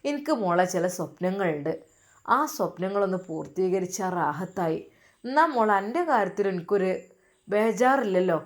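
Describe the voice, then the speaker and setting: A woman voicing an affectionate older mother who gently coaxes and persuades in a storybook tale. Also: mid-range voice, expressive, moderate pace, natural voice. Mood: coaxing tender. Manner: coaxing, affectionate. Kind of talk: storytelling voice acting.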